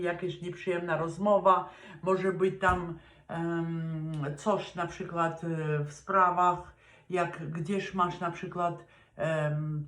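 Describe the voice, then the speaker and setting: A man's voice: sits high, fairly bright tone, reverberant. A man from Poland giving a casual weekly tarot reading, chatty and direct with advice, slipping English words into his speech. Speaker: tarot reader.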